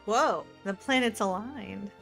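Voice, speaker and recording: A woman streamer giving excitable, gushing let's-play commentary, full of "like" fillers. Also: mid-range voice, slow pace, gravelly, faint music behind. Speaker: gaming streamer.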